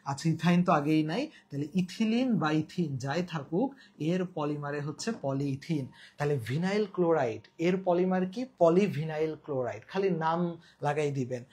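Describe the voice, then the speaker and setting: A man's voice: on the high side, moderate pace, a little mellow, breathy edge. A man with a Bangladeshi Bengali accent teaching a live online exam-prep class, repeating key terms and quizzing viewers. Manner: colloquial, mixes in English words.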